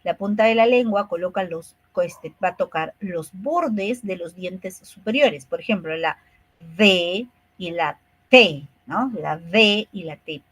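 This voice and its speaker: A woman's voice: mid-range voice, unhurried, hardly any pauses, slightly rough, poor audio. A woman from Peru with a Peruvian Spanish accent, teaching a speech therapy course and explaining things step by step, often checking in with short tag questions. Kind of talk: online lecture.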